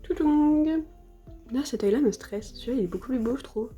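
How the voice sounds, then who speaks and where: A woman's voice: a little high, quick pace. A young woman from France chatting casually while doing her makeup, rambling and self-deprecating, with lots of fillers and restarts. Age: young adult. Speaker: vlogger. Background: soft background music.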